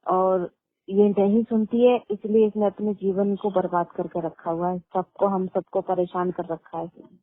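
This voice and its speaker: A middle-aged woman speaking over a thin, tinny phone line with a dry, close sound. She talks at length, emphatic and indignant, pressing each point hard. Her pitch sits in the middle range for a woman. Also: level tone, measured pace, no echo. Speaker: caller. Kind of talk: phone conversation.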